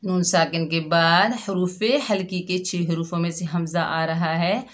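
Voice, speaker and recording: Slow, low-voiced woman teaching recitation. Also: little pitch movement. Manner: patient, spells out each sound and repeats it. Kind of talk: slow step-by-step tajweed lesson.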